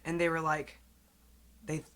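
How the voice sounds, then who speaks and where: A woman's voice: low-pitched, monotone, a little slow, fairly bright tone. A woman chatting casually on a podcast, rambling through a personal story. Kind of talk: casual chat.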